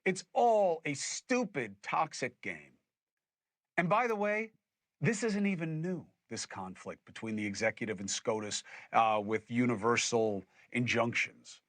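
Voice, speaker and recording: Bright-voiced, emphatic male podcast host. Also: mid-range voice, unhurried, dry recording. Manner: emphatic and animated, with scornful laughs. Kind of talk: political commentary.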